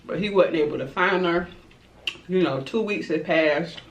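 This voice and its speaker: A woman's voice: fairly low pitch, normal speed, a little hiss or hum. A woman telling a dramatic story to her viewers while eating, with chatty asides. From Florida, USA. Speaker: mukbang vlogger. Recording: roomy, distant, dull-sounding home recording.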